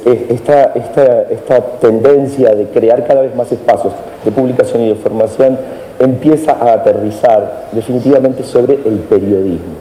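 A man's voice: mid-range voice, warm tone. A man with an Argentine accent, a lecturer thinking aloud on a panel in a discursive way, often adding tag questions. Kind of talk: reflective panel talk. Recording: echoey hall with faint noise.

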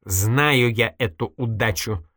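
A reader voicing a sharp-tongued, stubborn young woman in an audiobook, reproachful and needling, with a dry close sound. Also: a bass voice, sing-song, normal speed, no room sound, voice pushed up, exaggerated voice. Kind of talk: audiobook character voice.

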